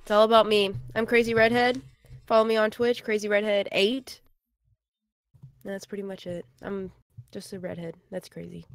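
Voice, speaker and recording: A young woman guest on a casual podcast, silly, often trailing off quietly. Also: medium pitch, little pitch movement, moderate pace, dry recording. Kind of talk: casual chat.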